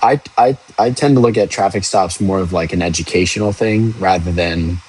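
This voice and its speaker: Slight background noise accompanies this young police officer as he answers viewers on a casual livestream. His voice sits low with a darkish tone and normal speed, and he talks frankly, rambling and occasionally cursing.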